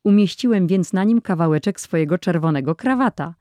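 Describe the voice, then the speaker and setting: A narrator voicing a proud, excited young boy telling how he caught fish, in an audiobook. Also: mid-range voice, a little fast, dry recording, clean studio sound, close to an everyday voice. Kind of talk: audiobook character voice.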